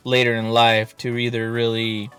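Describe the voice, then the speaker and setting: A man's voice: medium pitch, completely flat delivery, normal speed, fairly bright tone, smooth, soft background music. A man co-hosting a casual mukbang chat, candid and easygoing, swearing freely. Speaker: mukbang co-host.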